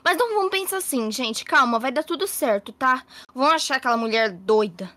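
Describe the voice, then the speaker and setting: Woman voicing a calm mother, Brazilian accent, high, reassuring, game role-play. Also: a little fast, no room sound, clean studio sound. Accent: Brazilian Portuguese. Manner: soothing, reassuring.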